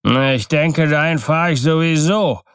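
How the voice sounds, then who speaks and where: Bellowing drunken sailor, higher and louder than the narration, read by a male narrator. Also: a little slow, clean tone, no echo, studio quality. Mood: defiant. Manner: rowdy, bellowing, slurred. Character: drunk, defiant male sailor, coarse and boastful.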